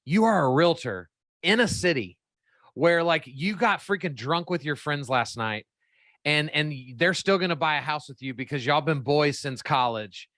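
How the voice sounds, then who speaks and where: A man's voice: on the high side, animated, moderate pace, a bit bright, dry recording. A man guesting on a casual podcast debate, joking and self-mocking, with blunt slang.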